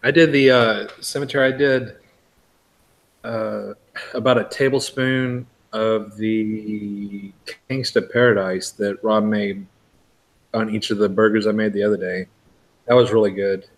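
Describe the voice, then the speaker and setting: A man's voice: on the low side, fairly even intonation, normal speed, pauses often. A man in a casual live chat, teasing and egging on his friends while they snack.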